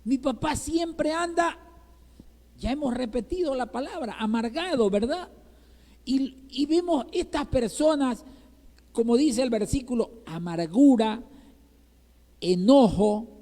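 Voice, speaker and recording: A man's voice: very high-pitched, expressive, a little slow, warm tone. A male pastor from Ecuador preaching a sermon in Ecuadorian Spanish, asking the congregation rhetorical questions and checking with them again and again. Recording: reverberant church hall.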